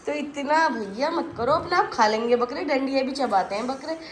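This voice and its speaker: A woman's voice: sits high, normal speed, slight background noise. A woman with a cold chatting casually in a home vlog, talking to her children and viewers. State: has a cold. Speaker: vlogger and mother. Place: home indoors.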